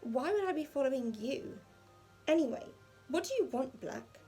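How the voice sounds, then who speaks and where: A woman's voice: high-pitched, lively intonation, moderate pace, mellow, faint music behind. A woman voicing a proud teenage schoolgirl in her own story, giving cold, firm retorts. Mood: cold defiant.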